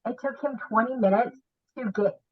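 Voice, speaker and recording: Animated woman telling a story, higher voice. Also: normal speed, narrow, tinny audio. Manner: animated, acts out quoted voices. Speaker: podcast guest, dog groomer and coach. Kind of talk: casual storytelling chat.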